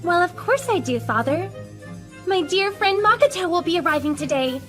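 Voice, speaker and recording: A very high, bubbly anime girl. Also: moderate pace. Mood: wistful excitement. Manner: gushing, expressive. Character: bubbly, girlish, affectionate well-off teenage daughter. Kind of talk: English anime dub acting. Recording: music behind the voice.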